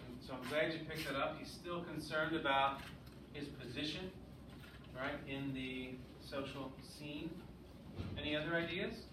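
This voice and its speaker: A man teaches a grade school English class, reading aloud and frequently checking understanding with short questions. His voice is fairly high and a little slow. The distant mic picks up an echoey, noisy room.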